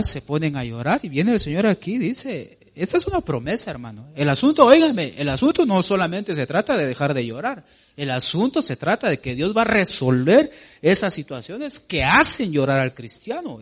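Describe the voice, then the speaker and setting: Male preacher, fairly high voice, soaring emphatic swings, talks straight to the congregation. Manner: animated preaching, addresses the congregation as brothers; reads scripture slowly and emphatically. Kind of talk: sermon.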